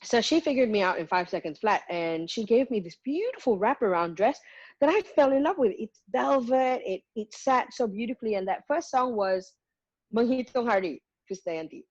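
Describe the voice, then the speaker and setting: A woman's voice: on the high side, expressive, moderate pace, a little mellow, dry recording, muffled recording. A woman, a guest singer talking frankly and reflectively, making her points one by one. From Malaysia. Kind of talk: candid conversational interview.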